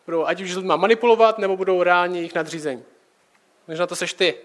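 High-voiced young man preaching casually. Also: fairly even intonation, fairly bright tone. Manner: conversational, direct address with rhetorical questions.

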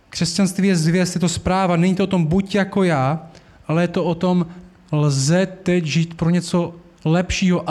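A man's voice: sits high, a little mellow. A man preaching a sermon in an earnest, conversational way, asking the congregation rhetorical questions.

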